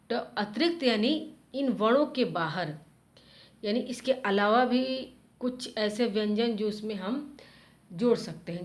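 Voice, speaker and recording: A woman teacher giving a grammar lesson to children, spelling out letter sounds one at a time in a patient, explanatory way. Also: medium pitch. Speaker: school teacher.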